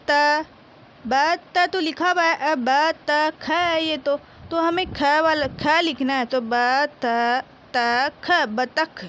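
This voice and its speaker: A woman teaching a reading lesson to young children. She reads words slowly, one sound at a time and then whole, and asks simple questions that she answers herself. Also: sits high, fairly bright tone, a little hiss or hum. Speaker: primary school teacher.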